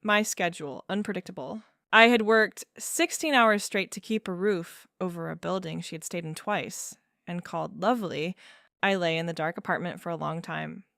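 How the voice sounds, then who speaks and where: Woman, 30s, first-person storyteller; smooth yet gravelly voice, measured and wry. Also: lowish voice, a bit bright, no echo, clean studio sound. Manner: measured, wry, with fillers and small laughs. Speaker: narrator.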